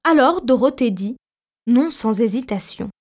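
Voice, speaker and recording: A woman reading a children's story aloud in a measured, expressive way. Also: a little high.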